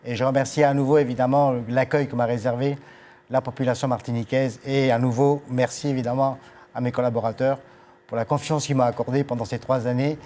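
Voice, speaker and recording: Older man, tv interview guest, formal and measured, hesitant, mid-pitched voice. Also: little pitch movement, warm tone. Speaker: guest, agency director. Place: TV studio.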